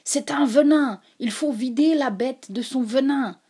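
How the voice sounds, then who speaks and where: A woman's voice: sits high, measured pace, mellow, breathy edge, pitched above the performer's own voice, heavily acted. A woman reading aloud, voicing an enraged young man who jeers and laughs as he rants. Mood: mocking. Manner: jeering, mixes anger and laughter.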